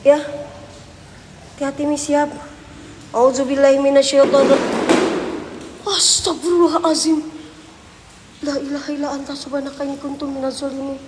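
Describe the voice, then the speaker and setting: A woman's voice: sits high, steady tone, moderate pace, pauses often. A young woman live-streaming a haunted house exploration, nervously muttering prayers and chatting in slang with her viewers. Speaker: ghost-hunting live streamer. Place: abandoned house, indoors. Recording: echoey, reverberant empty building, faint noise.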